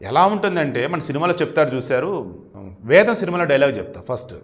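A man's voice: a little high, very animated, a little fast. A man giving emphatic political opinion commentary as a journalist, often asking rhetorical questions.

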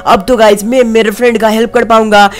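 Excited high-voiced gaming commentator. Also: male voice, brisk. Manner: excited, urges viewers. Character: young male tiger hero, brave and angry. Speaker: gaming YouTuber. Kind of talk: game commentary with role-play.

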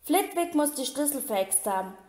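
A clever, brisk schoolgirl witch explaining matter-of-factly, as a woman reads her aloud. The voice sits a little high, with a roomy echo around it in this storybook reading. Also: animated, a little mellow.

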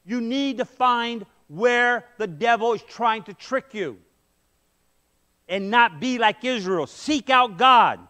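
A man's voice: extremely high pitch, slow, bright, forceful tone. A middle-aged man preaching a sermon in a church sanctuary, emphatic, with rhetorical questions, on a headset mic. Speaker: pastor. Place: church sanctuary, medium-sized, indoors.

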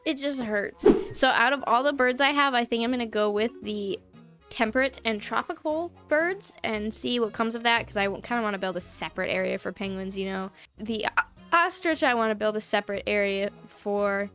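A woman's voice: a little high, moderate pace, fairly bright tone, soft background music. A woman giving casual, chatty let's-play commentary while building in a game, laughing often and talking through hiccups. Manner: giggly, chatty, frequent laughter. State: hiccuping, voice strained. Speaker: gaming YouTuber.

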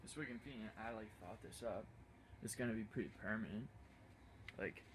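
Against a noisy background, a young man with a fairly low, natural voice speaks briskly. He's acting as a clueless, bragging slacker showing off his cluttered basement, smug, laid-back and rambling, with "wicked convenient" coming up constantly. The audio comes from a handheld phone camera held by the other man.

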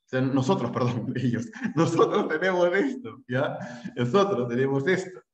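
A man's voice: medium pitch, lively intonation, moderate pace. A Peruvian man lecturing pre-university students on English grammar, chatty and often checking in with them. His voice sits in a middle register. The sound is roomy and a bit dull, like a class recording. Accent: Peruvian Spanish. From Peru. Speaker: English teacher.

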